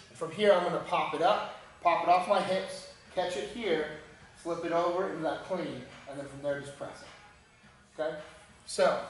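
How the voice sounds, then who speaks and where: A man's voice: high-pitched, reverberant, low-quality recording. A man coaching a lift in a gym, walking through the steps with short cues. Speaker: strength coach. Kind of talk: instructional demonstration.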